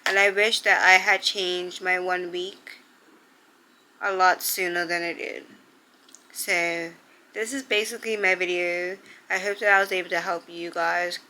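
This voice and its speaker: A woman's voice: lowish voice, bright, forceful tone, slight background noise, poor audio. A young woman vlogger sitting down to give heartfelt advice, earnest and emotional, close to tears. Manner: earnest, heartfelt, full of "like" fillers. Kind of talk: sit-down advice vlog.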